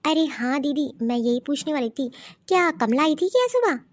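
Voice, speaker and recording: A woman voicing a mild, busy young daughter-in-law in an animated cartoon story, puzzled and often talking to herself. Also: sits high, normal speed.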